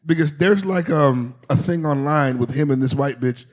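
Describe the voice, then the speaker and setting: Sarcastic animated podcast co-host man. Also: a little high, moderate pace. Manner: sarcastic, animated, laughs while talking. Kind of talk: casual podcast banter.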